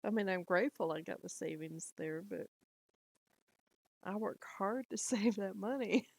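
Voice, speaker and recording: A woman's voice: mid-range voice, measured pace, creaky, darkish tone, husky, poor audio. A middle-aged woman chatting casually to camera at home, rambling and laughing often. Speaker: lifestyle vlogger. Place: at home, indoors.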